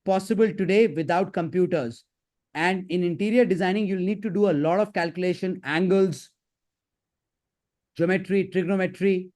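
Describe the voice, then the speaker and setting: A man with an Indian accent giving live career advice as a counsellor, in a brisk, instructive and emphatic manner. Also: sits high, darkish tone. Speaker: career counsellor hosting a session. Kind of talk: live advisory session.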